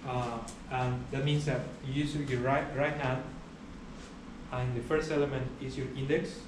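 A man's voice: mid-range voice, unhurried. Man lecturing in an echoey hall. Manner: steady explaining with frequent uh fillers. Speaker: university lecturer. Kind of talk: classroom lecture. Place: large lecture hall, indoors. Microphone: far camera at the back of the room. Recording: echoey hall recorded from far off, background hiss.

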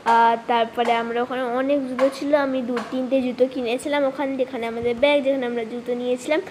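High-pitched woman vlogger, chatty and casual, some hushed lines, faint noise in the track. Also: flat delivery, a little fast. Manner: quiet, hushed talk to keep a surprise. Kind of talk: casual vlog narration. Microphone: voice-over recorded later.

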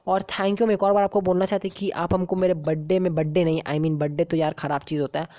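A woman giving chatty, excitable comic game commentary in character as a cheeky baby gangster boy. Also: fairly low pitch. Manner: excitable, chatty, exclaiming often. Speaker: gaming YouTuber.

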